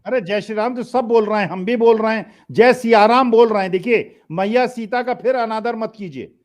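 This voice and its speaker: A man with a fairly high voice argues combatively on a panel debate. He cuts in on the others and lectures them on faith. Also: normal speed. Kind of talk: heated political panel debate.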